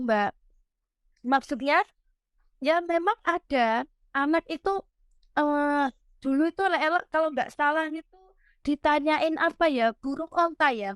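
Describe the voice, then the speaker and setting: A woman's voice: high voice, no room sound, studio quality. A woman who hosts and coaches, talking casually, explaining and prompting her guest. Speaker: host, parenting coach. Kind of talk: casual chat.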